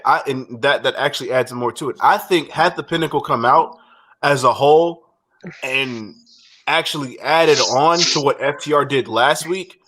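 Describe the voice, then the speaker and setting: A man's voice: mid-range voice, fairly bright tone. A man co-hosting a casual wrestling recap podcast, rambling through his opinions with frequent restarts and swearing. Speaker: podcast co-host.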